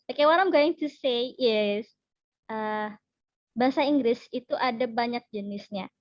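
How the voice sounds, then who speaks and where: A young Indonesian woman teaches an English class in a friendly way, laughing often and mixing English with Indonesian. Her voice is a little high and unhurried. The lo-fi recording is dull and dry, with no room sound.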